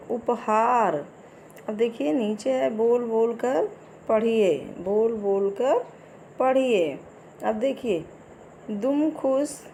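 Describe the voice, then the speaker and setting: Brief: female primary teacher, mellow higher voice, slow deliberate delivery, faint background hiss. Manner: slow, patient, repeats words for children to echo. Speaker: primary school Hindi teacher. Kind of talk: recorded lesson for young children.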